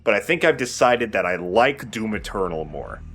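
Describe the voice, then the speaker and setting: A man hosts and plays a let's play, giving casual, joking commentary with some swearing over video game sounds. His voice is lowish, husky, and fairly bright, very animated at a moderate pace.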